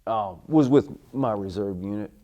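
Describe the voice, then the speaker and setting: Middle-aged American male veteran, low relaxed voice, remembering service days in halting, courteous interview answers. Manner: veteran remembering, halting recall with deferential politeness. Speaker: military veteran being interviewed. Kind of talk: oral history interview, recalling army service.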